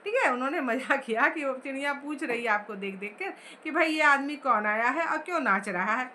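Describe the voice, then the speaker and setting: A woman's voice: high voice, animated, a little fast, pushed and bright, a little hiss or hum. A woman teacher explaining a story chapter line by line, asking the class questions as she goes.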